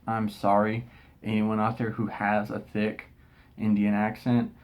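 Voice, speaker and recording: A young man from Texas, telling a casual, animated story about an exasperating experience and often restarting his sentences. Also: on the low side, a little slow. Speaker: vlogger.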